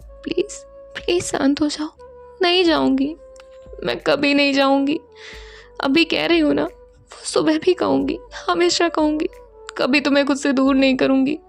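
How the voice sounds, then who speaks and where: A woman voicing a tender young woman who soothes her lover in a soft, hushed, half-whispered voice. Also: high-pitched, fairly even intonation, a little slow, vocal fry, soft background music, voice pushed up. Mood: soft soothing.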